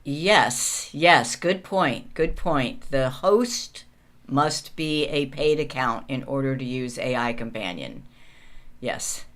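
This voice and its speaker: A woman's voice: extremely low pitch, expressive, slow pace, fairly bright tone. A woman co-hosting a casual video call who thinks aloud and corrects herself as she goes. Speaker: co-host. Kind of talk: casual webinar chat. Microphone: video call mic.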